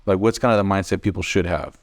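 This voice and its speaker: A man's voice: low-pitched, steady tone, fast. A man co-hosting a podcast, asking probing questions and often checking in with "right?". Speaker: podcast co-host. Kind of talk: casual podcast interviewing.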